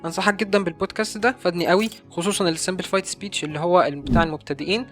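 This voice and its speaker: A man's voice: high-pitched, steady tone, rapid-fire, faint music behind. A young adult man with an Egyptian Arabic accent, earnestly recommending learning resources in a casual advice video. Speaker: language-learning YouTuber.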